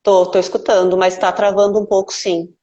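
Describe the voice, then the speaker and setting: A woman's voice: mid-range voice, little pitch movement, moderate pace, mellow. Woman on a crackly, breaking-up call line. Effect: choppy, crackly call line that keeps breaking up. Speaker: deputy police chief, interview guest. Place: police station office. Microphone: remote video call. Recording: muffled lo-fi call audio.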